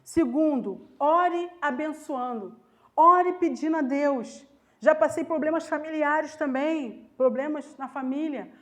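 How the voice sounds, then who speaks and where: A woman's voice: high voice, slow pace, a bit bright. A Brazilian woman preaching a Sunday sermon in church, telling stories and acting out the voices of the people she quotes with emphasis. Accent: Brazilian Portuguese.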